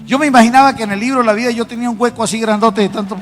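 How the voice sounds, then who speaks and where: A man preaching his testimony to a congregation, telling his story in an animated way and acting out the dialogue. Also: extremely high pitch, very fast, a little hiss or hum. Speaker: apostle preaching. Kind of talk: sermon testimony. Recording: long hall reverb with faint music.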